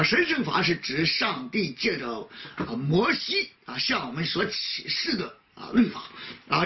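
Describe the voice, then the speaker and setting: A man preaching a sermon, asking rhetorical questions and starting many phrases with a drawn-out filler sound. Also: high-pitched, lo-fi sound.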